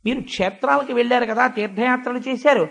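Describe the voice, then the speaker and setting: A man's voice: very high-pitched, fast talker, creaky, fairly bright tone. An older man giving a devotional discourse, telling scripture stories and voicing the people in them. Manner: storytelling with voiced quotes. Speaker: spiritual speaker.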